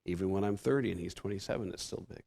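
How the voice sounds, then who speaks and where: Speaking quickly in a low, dark, creaky voice, a man in his fifties preaches as a guest in a church sanctuary. His accent is Pacific Northwest American. The conversational sermon is full of self-deprecation and restarted sentences.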